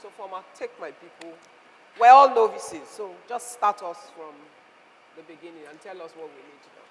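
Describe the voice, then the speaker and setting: A woman's voice: lowish voice, brisk, a bit bright. A woman host confidently introducing a guest speaker to an audience. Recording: long reverb of a hall.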